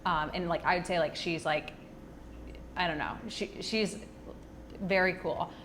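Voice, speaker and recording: Upbeat low-pitched woman, podcast chat. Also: fairly even intonation, a little slow, fairly bright tone, a little hiss or hum. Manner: upbeat, frequent short affirmations. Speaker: podcast co-host. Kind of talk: casual chat.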